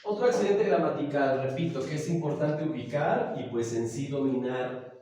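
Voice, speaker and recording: A man with a Mexican accent lecturing a class as a teacher, explaining slowly and often checking that the students follow. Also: on the high side, mellow, slight background noise. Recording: echoey classroom from far off.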